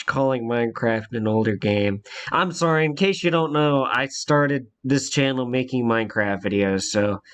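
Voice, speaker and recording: Stuffed up from a cold, a young man rambles through a personal story in a casual vlog, full of fillers and false starts. His voice is mid-range and fairly bright.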